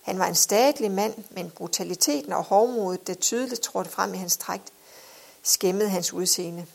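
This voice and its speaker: A woman narrating an audiobook in a measured, expressive reading style. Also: medium pitch, vocal fry.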